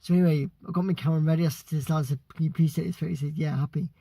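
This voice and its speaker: Excitable British man with a gravelly voice. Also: on the high side, very fast, dry recording. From United Kingdom. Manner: excitable, stumbling over his words. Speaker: vlogger. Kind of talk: casual storytelling.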